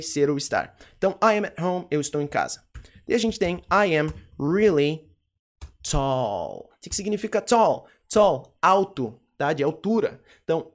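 A Brazilian man with a slightly raised voice teaches English in a relaxed, chatty recorded lesson. He voices his students' questions and answers them himself. He repeats each example sentence slowly. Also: fairly high pitch. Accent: Brazilian Portuguese.

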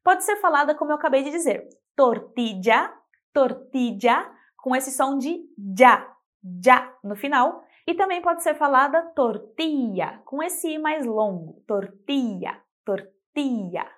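A woman teaching a scripted pronunciation lesson, speaking clearly and slowing down to model example words. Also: high-pitched, animated, fairly bright tone. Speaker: Spanish teacher.

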